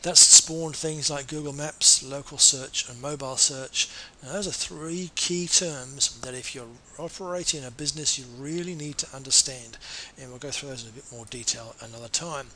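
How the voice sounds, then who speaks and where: A man, a marketing consultant, giving an earnest, persuasive sales pitch and now and then correcting himself mid-sentence. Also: moderate pace, bright, forceful tone, a little hiss or hum, rough recording.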